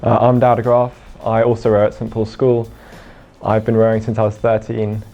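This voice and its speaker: A man's voice: lowish voice, completely flat delivery, normal speed, highs cut off, soft background music. A young man in his late teens talking in an easygoing, positive way in an interview. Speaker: junior rowing crew member. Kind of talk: casual interview answers.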